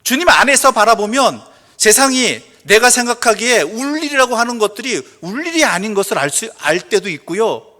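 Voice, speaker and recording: A male pastor preaching a sermon, asking the congregation questions, answering them himself, and reading scripture slowly and softly. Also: very high-pitched, very animated. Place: church sanctuary. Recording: long church reverb.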